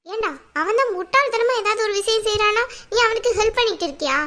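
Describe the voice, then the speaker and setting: A woman voicing a worried middle-aged mother in a cartoon who scolds and pleads for calm. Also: extremely high pitch, quick pace. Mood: scolding. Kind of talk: cartoon voice acting.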